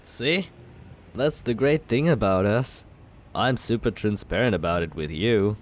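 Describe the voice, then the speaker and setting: A young man with a fairly low, expressive voice speaks at a measured pace. In an ASMR roleplay he plays a cocky villain courting the listener, laid-back and teasing while he justifies himself.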